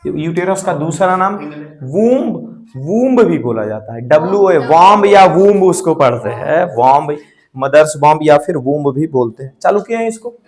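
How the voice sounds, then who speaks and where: A man's voice: a little high, big pitch swings, moderate pace, a little mellow. A man teaching a biology class, asking questions and answering them himself, mixing English terms into Hindi and checking in often. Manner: frequent "theek hai" check-ins.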